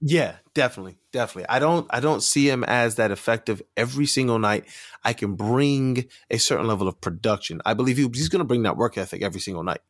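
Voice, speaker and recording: A man's voice: medium pitch, fast, no echo, studio quality. A man who is a guest on a sports podcast, talking casually and hesitantly with many fillers.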